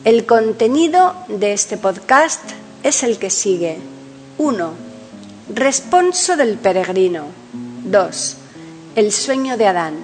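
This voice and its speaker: A woman hosting a podcast, reading a scripted introduction and biographical narration in a measured, announcer-like way. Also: fairly high pitch, big pitch swings. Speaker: podcast host. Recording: long reverb, guitar music underneath. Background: guitar music.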